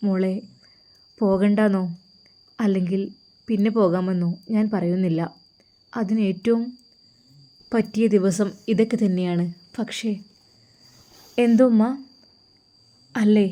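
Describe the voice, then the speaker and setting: A pious, loving older mother, played by a woman, gives tender, sorrowful advice. The tone is warm and mellow, like an audio storybook. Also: mid-range voice, steady tone, measured pace, pauses often, close to an everyday voice.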